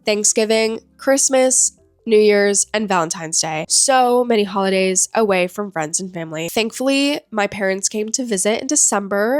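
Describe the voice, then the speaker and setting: A young woman with a stuffy nose chats candidly to camera, dropping "like" into nearly every thought. Her pitch sits in an ordinary middle range for a woman. The sound is dry and close, with no room echo. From United States. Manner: chatty and candid, with frequent "like" fillers. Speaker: vlogger and musical theatre performer. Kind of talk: casual vlog chat.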